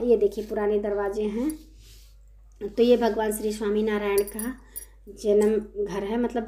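In a separately recorded voice-over for her casual travel vlog, an Indian woman chats about visiting a temple, using lots of fillers. Her voice is a little high with a dark tone, and she has a sore throat and coughs occasionally.

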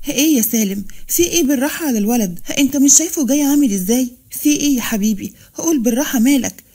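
A woman's voice: sits high, lively intonation, rapid-fire, dark tone, husky, pitched above the performer's own voice, heavily acted. A woman voicing a fierce, worried middle-aged mother, emotional and defiant. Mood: alarmed.

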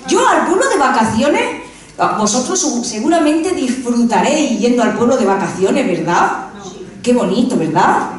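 A woman's voice: a little high, sing-song, moderate pace. A woman performing a self-mocking stand-up comedy monologue on a live stage, with punchy joke delivery. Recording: very echoey room, voice from far off.

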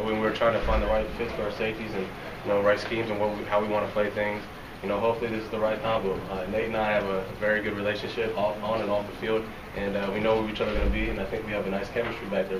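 Fast-talking young man, flat and low. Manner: quick, soft-spoken, many fillers and restarts. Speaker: football player at a press conference. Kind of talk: post-game press interview. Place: locker room press area, indoors. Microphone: reporters' recorders held close. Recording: roomy, from a distance, noisy.

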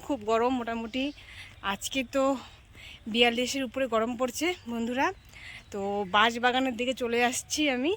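A woman's voice: fairly high pitch, steady tone, moderate pace, pauses often, a little hiss or hum. A woman vlogging outdoors on a phone camera, chatting casually to her viewers. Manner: chatty, addresses viewers as friends, often asks "okay?"; drops to a hushed voice at times while sneaking up. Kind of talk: casual vlog talk to viewers. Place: outdoors in a bamboo grove and fields.

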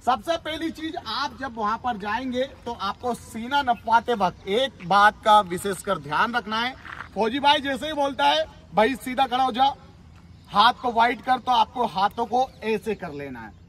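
Very high-pitched man barking brisk orders. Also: fairly bright tone, a little hiss or hum. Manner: brisk commanding orders, teasing recruits. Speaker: army recruitment physical trainer. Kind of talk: instructional coaching video with live drills.

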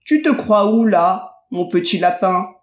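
A sly, bullying wolf, read by a woman, mocks its prey in a children's storybook. The delivery bounces with lively pitch. The audio is roomy and a little muffled. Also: measured pace, lightly acted. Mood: mocking.

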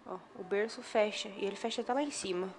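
On a noisy phone recording, a fast-talking woman with a medium-pitched voice and a Brazilian Portuguese accent vlogs from a hospital room. The vlogger and mother chats casually, turning between her viewers and her child.

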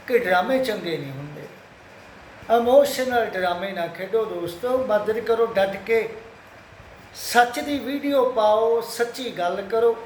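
A man from Punjab speaks to his followers in a high voice, consoling and exhorting them and repeating his pleas. His voice rings in an echoey room. A faint ambient noise sits underneath. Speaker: Sikh social media speaker. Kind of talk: earnest address to followers.

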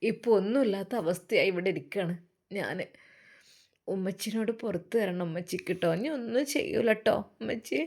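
A woman voicing a remorseful young mother who cries softly and pleads with her children, in a Malappuram accent. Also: medium pitch, fairly quick, creaky, breathy edge, voice pushed down. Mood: tearful pleading. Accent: Malappuram Malayalam. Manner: soft, pleading, tearful. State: crying.

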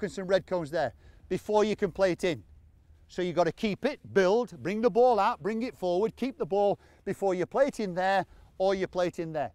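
Man, football coach, fairly high voice, encouraging, repeats short commands, outdoors on a pitch. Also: darkish tone, no room sound. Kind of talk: on-field coaching instruction.

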